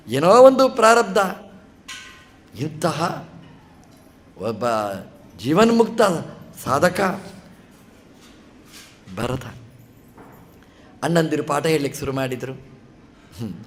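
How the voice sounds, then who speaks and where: In a light, high voice, a man recounts a scripture story as a storytelling sermon. This religious teacher acts out short snippets of the characters' dialogue and stops now and then to ask his audience rhetorical questions.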